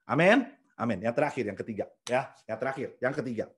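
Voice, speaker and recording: A man's voice: medium pitch, expressive, fast talker. A man with an Indonesian accent preaching casually in a video church service, mixing in English phrases and acting out prayers. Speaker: pastor. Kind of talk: sermon over video call.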